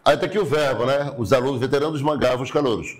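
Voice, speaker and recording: A Brazilian man with an ordinary mid-pitched voice teaches a recorded online grammar class, keeping a steady, explanatory pace while talking fast. He repeats key words and often checks in with his listeners, and there is background noise.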